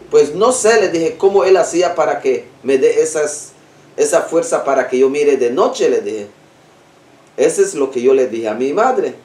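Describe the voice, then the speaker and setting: A man recounts a personal story in a simple, repetitive way, stringing events together step by step. His voice sits a little high for a man. It sounds roomy and distant, as if he is some way from the mic. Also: a little mellow. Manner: plain, repetitive telling, links events with "entonces". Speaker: interviewee recounting a personal experience. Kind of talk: conversational storytelling.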